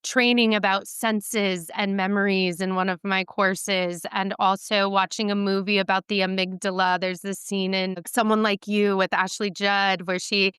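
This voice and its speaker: A woman's voice: mid-range voice, flat delivery, normal speed, few pauses, a bit bright, clean tone, no room sound, clean studio sound. A woman hosting a podcast interview, asking questions in an enthusiastic, chatty way. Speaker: podcast host. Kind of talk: casual interview chat.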